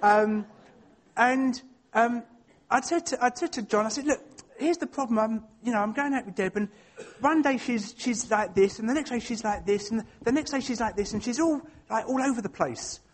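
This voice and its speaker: This is a man with an Essex accent and a notably high voice for a male speaker. He speaks informally to a church, telling personal anecdotes. His delivery is chatty and self-deprecating, often hesitating as he finds his way through a thought. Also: moderate pace. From Essex, England.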